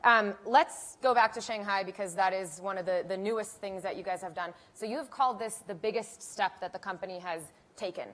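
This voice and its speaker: A woman's voice: mid-range voice, brisk, few pauses, a bit bright. Chatty young woman interviewer. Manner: chatty, upbeat, many fillers and restarts. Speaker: interviewer, event moderator. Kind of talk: conference stage interview.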